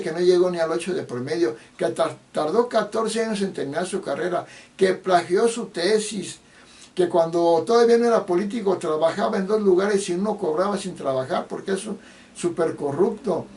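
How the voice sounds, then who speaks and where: Indignant high-voiced man, distant mic. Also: a little mellow. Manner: indignant, accusatory, with frequent restarts. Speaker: political commentator. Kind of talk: solo political rant. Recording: distant mic with faint background noise.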